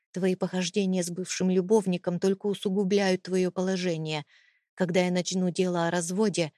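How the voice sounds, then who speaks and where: An icy, domineering husband, as a woman narrator puts him on, speaking with slow contempt and quiet menace in a low register. The audiobook sound is dry and close, with no room around it. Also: dry recording, natural voice. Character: cold, contemptuous, domineering husband, adult man. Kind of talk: audiobook character reading.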